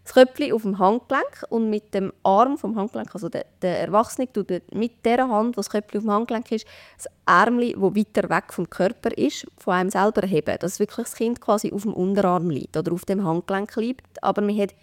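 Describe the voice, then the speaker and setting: Swiss German woman, expert guest, quick practical explainer, dry close mic. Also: mid-range voice, no room sound. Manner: practical, explaining step by step with many fillers. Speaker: baby care expert guest. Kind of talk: conversational podcast explanation.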